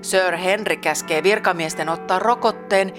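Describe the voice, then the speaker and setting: A woman's voice: lowish voice, music in the background. A woman presenting program tips in a playful, teasing scripted narration.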